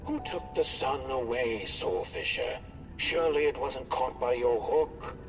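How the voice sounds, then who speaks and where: A man voicing the Merkle, a small lonely female tree creature searching for the sun, in a high pleading voice. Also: lively intonation, measured pace, in a large hall, close to an everyday voice. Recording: distant voice with music behind.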